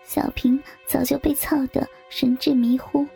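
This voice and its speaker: A woman reading a scripted story aloud in a soft, half-whispered voice. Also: sits high, flat delivery, unhurried, vocal fry, faint music behind.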